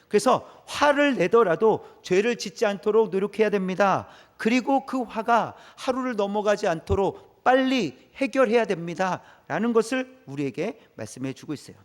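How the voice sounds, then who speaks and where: Pastor guy preaching, voice kinda high and jumps all over, big echoey church hall. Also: normal speed, few pauses. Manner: animated preaching, reads scripture aloud and acts out quoted voices. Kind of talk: Wednesday evening sermon. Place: church sanctuary.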